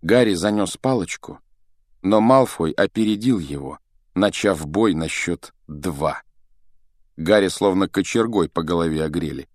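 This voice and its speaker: A man's voice: sits low, measured pace, darkish tone, dry recording, clean studio sound. A man narrating a fantasy novel aloud as an audiobook reader, telling the story expressively.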